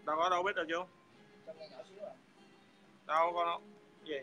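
A man's voice: on the high side, flat delivery, moderate pace, pushed and bright, lo-fi sound, soft background music. A man hurling crude, taunting insults in a heated livestream rant. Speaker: livestream speaker.

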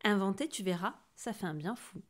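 A thoughtful young builder from a picture book, as a woman reads him, calm and advising. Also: medium pitch, a little fast, natural voice. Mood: encouraging. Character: thoughtful male builder friend.

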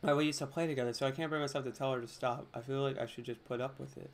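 A man reading the lines of a pale, tired, bullied teenage girl in his own quiet, subdued voice. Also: medium pitch, steady tone, very fast, close to an everyday voice. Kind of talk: reading game dialogue aloud.

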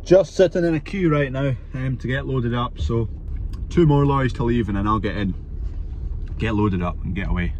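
A Scottish cattle farmer in his twenties talks casually to camera for his vlog, his mid-range, darkish voice at a moderate pace. He films on a handheld phone at arm's length, and very noisy farm, vehicle and market sounds fill the background.

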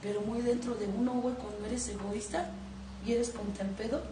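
A woman with a Mexican accent giving a blunt, profane testimony as a recovery group sponsor, often breaking into shouts. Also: fairly high pitch, fairly even intonation, normal speed. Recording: echoey room, distant mic, faint noise.

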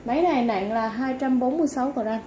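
A woman seller giving a polite, informal product sales pitch, going item by item with repeated stock phrases. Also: quick pace. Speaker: online seller of used fishing reels. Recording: clearly noisy background ambience.

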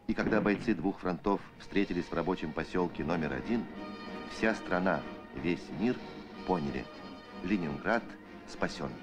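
A man with a deep voice narrates in the manner of an old Soviet newsreel. His delivery is scripted, solemn and measured, with a declamatory documentary tone. Music plays clearly behind him on the archival soundtrack.

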